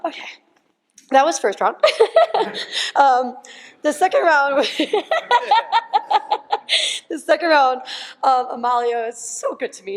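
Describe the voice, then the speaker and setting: A shaky young woman giving a tearful, laughing personal testimony, halting and full of fillers. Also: high voice. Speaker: retreat participant. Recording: long hall reverb.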